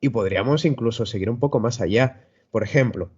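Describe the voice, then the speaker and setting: A man's voice: mid-range voice, a little fast, husky. A man on a debate panel who talks steadily and raises points in an argumentative way. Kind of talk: debate talk. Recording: dull lo-fi audio.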